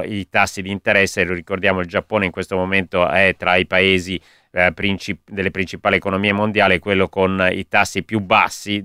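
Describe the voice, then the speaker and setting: A man giving live economic commentary on a radio show in an explanatory, measured way. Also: sits low, bright, forceful tone, clean tone, no echo, clean studio sound.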